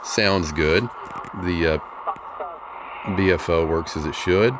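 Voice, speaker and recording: A deep-voiced middle-aged man speaks slowly over a noisy background. He's a ham radio hobbyist showing off a receiver in a casual, unscripted demo, folksy, hesitant and plain-spoken.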